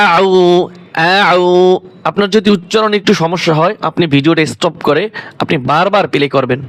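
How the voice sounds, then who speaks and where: A man teaching Quran recitation, drawing out chanted syllables between quick spoken explanations. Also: high-pitched. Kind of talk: slow spelled-out recitation lesson.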